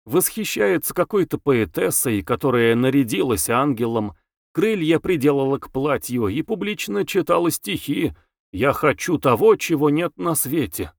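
A man voicing a gushing, excitable young woman. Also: on the high side, normal speed, creaky, dry recording, studio quality, voice pushed up, heavily acted. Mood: gossiping. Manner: breathless, exclaiming, gushing. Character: lively chatty young woman, gossipy and excitable. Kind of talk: audiobook character voice.

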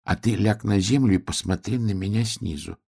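A man voicing a naive, stubborn little piglet who talks in a quiet, wondering, plaintive way. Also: lowish voice, normal speed, creaky, slightly rough, pitched above the performer's own voice. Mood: puzzled.

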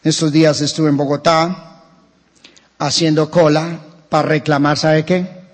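A man with a Colombian accent preaching a sermon as pastor, animated and telling humorous anecdotes. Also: a little high, measured pace. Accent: Colombian Spanish. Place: church. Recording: church hall reverb.

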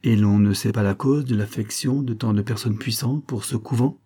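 Guy reading an old historical tale, low husky mellow voice. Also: normal speed. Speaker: audiobook reader. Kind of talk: scripted narration of a historical story.

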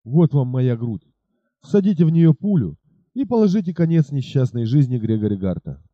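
Fierce bearded robber chief read by a man, gruff, swinging pitch, dull dry audiobook sound. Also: big pitch swings, moderate pace, no room sound, natural voice. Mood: pleading.

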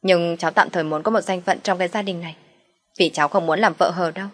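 A woman's voice: lowish voice, steady tone, fast talker, natural voice. A woman voicing a brazen, scheming young mistress who talks insolently and then pleads. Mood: pleading. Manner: brash, insolent, turns pleading.

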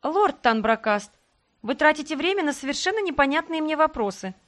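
A woman's voice: high-pitched, big pitch swings, fairly quick, fairly bright tone, pitched above the performer's own voice. Woman voicing a cold, venomous young noblewoman. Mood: icy. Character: young noblewoman heroine, cold and sharp-tongued.

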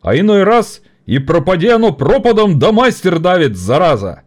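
A man's voice: sits high, big pitch swings, moderate pace, voice pushed up. A man voicing a fiery orator rousing striking workers in an audiobook. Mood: indignant. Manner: rousing, indignant speech.

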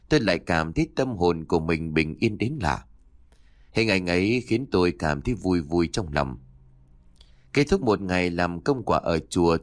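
A man narrating a first-person spooky story in a measured, expressive way. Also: sits low, no room sound, studio quality.

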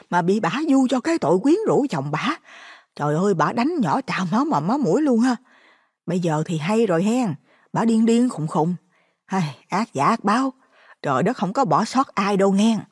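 Man putting on a chatty southern vietnamese auntie, breathy, high, hushed gossip. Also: sing-song, normal speed, no echo, clean studio sound, heavily acted. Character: gossiping old woman street vendor.

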